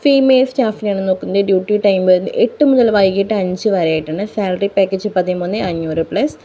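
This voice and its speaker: A woman hosting a job vacancy channel, reading listings to viewers in an even announcing manner and spelling out phone numbers digit by digit. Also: mid-range voice, fast talker, highs cut off.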